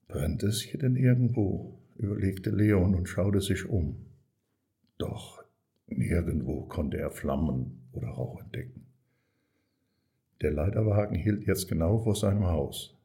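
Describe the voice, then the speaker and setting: Deep slow storybook narrator man. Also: vocal fry. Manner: calm, measured storytelling. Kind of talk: children's storybook reading.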